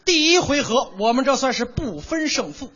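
A man's voice: extremely high pitch, big pitch swings, normal speed, fairly bright tone, breathy edge. Boastful man telling a comic crosstalk tale. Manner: boastful, mock-heroic storytelling with acted quotes. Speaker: crosstalk lead performer. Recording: dull lo-fi recording.

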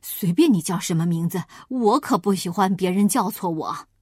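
A woman voicing a hungry, sly father wolf in a storybook reading, talking low and matter-of-fact as he coaxes his prey. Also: expressive, moderate pace, darkish tone, husky, dry recording, studio quality. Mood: coaxing.

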